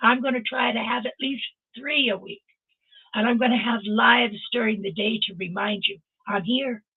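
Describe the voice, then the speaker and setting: Older lady with a gravelly husky voice, preaching hard at her viewers, sounds like a thin phone-y video call. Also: on the high side, fairly even intonation, normal speed, phone-quality sound. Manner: impassioned, exhorting listeners directly. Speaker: host. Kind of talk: motivational talk.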